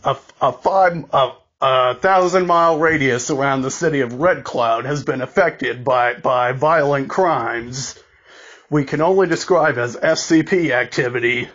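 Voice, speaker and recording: A man delivers a scripted emergency broadcast in a formal, deliberate manner, but he halts and repeats words like an amateur. His voice sits at a medium pitch with a fairly bright tone, and the recording sounds lo-fi.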